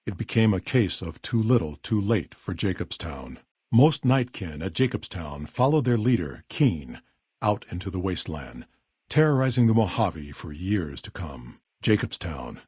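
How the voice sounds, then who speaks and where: These video game voice lines come from a man playing a tired but level-headed super mutant town leader. His deep, gravelly, husky voice has a darkish tone, and his full character delivery is blunt, measured, and authoritative, recorded at studio quality without room sound.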